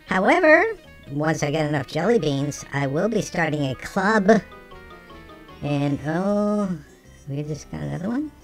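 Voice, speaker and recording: A game streamer talking through a voice changer that shifts the pitch, chatting casually with viewers while playing. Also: big pitch swings, a little slow, faint music behind. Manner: chatty, talks to chat between game actions. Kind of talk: casual let's-play chat with viewers.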